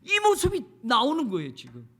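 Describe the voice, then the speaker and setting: Bright, animated male pastor preaching. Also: very high voice, fairly quick. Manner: addresses the congregation directly, repeats phrases for emphasis. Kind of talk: sermon. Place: church service.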